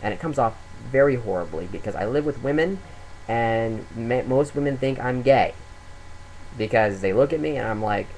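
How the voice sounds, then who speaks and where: A man's voice: mid-range voice, expressive, normal speed, darkish tone, slight background noise, rough recording. A man in his twenties, a comedian, rambling through a self-deprecating webcam monologue full of fillers. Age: 20s.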